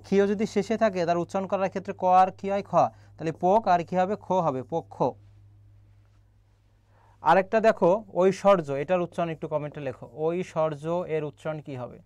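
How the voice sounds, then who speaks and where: Speaking a little fast in a darkish, fairly high male voice, a young online admission-prep teacher runs a grammar livestream. He keeps questioning viewers and reciting their comments to them. The recording is dry and intimate, with no room sound.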